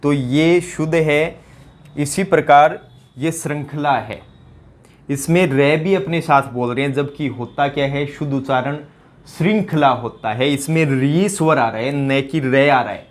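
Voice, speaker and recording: A man's voice: a little high, a little slow. Man teaching Hindi spelling, quizzing listeners. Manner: quizzing listeners with repeated rhetorical questions. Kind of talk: exam-prep Hindi lesson.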